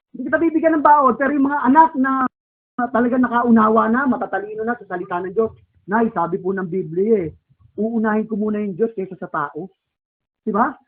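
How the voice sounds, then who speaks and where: High-pitched man preaching in a tinny recording. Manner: asks the congregation frequent rhetorical questions; prompts a reader through scripture verses. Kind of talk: conversational Sunday sermon. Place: church service. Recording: tinny phone-like sound.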